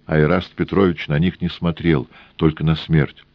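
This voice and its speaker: A man reading an audiobook in a measured, even storytelling manner. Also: rumbling low, no room sound, highs cut off. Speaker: audiobook reader. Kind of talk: scripted audiobook narration.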